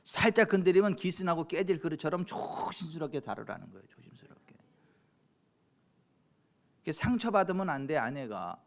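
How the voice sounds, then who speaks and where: A middle-aged Korean man preaching a sermon as pastor, addressing the congregation with questions, chuckling at his own stories, and swinging from quiet asides to loud exhortations. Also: a little high, lively intonation, normal speed, gravelly, long pauses. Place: church sanctuary at a late-night service.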